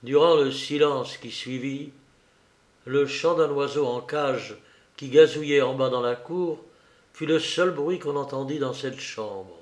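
A man reading a novel aloud with measured, dramatic pauses, in an echoey room. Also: medium pitch. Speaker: audiobook reader.

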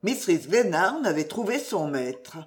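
A woman narrating an audiobook in a measured, expressive storytelling manner. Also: lowish voice.

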